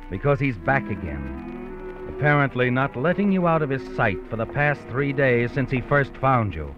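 An actor playing an ominous, all-knowing male narrator of dark tales in a theatrical, insinuating 1940s radio style. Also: mid-range voice, natural voice. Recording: muffled vintage radio recording, music behind.

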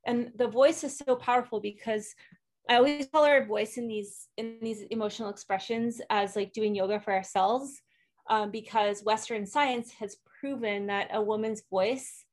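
Earnest woman explaining wellness tools. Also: medium pitch. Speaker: guest, emotional wellness coach. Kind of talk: conversational podcast interview.

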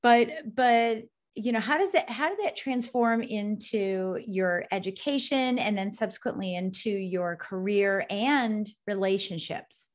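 A woman's voice: medium pitch, measured pace. Woman host, supportive interviewer, affirming and chatty. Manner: encouraging, frequent affirmations. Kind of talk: conversational interview.

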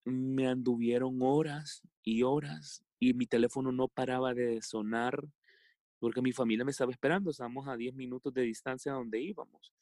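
A man from El Salvador with a Salvadoran accent, telling a personal story as a podcast guest in a halting way, with many fillers and restarts. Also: medium pitch, fairly even intonation, a little mellow, no room sound, clean studio sound. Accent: Salvadoran Spanish.

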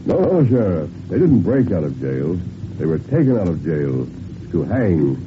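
Resolute masked western hero, low commanding voice with dramatic swings, authoritative, noisy old radio serial. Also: male voice, sing-song. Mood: grave. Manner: authoritative, emphatic, deliberate. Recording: narrow, noisy vintage radio recording.

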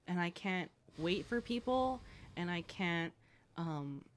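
A woman's voice: mid-range voice, fairly bright tone. A young woman co-hosting a podcast, talking in a reflective, hesitant way full of fillers. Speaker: podcast co-host. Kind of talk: candid podcast chat.

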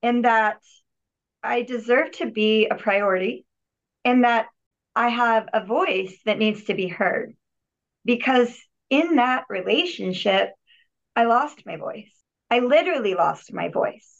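This woman's voice is a little high, with lively intonation, a measured pace and some vocal fry. As a podcast guest who is a healer and yogi, she shares her healing story sincerely and reflectively, often restarting and repeating words, over dull lo-fi audio.

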